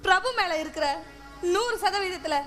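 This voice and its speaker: A woman's voice: very high voice, moderate pace, a faint crowd. A woman acting a defiant young daughter in a village stage drama, pleading with her father in a declamatory way. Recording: stage recording with loud music behind.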